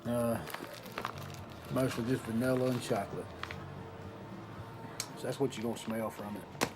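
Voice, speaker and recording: A man giving a casual review in an unhurried, folksy way, pausing between short phrases. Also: medium pitch, steady tone, music in the background, poor audio. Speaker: pipe tobacco reviewer. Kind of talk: casual product review talk.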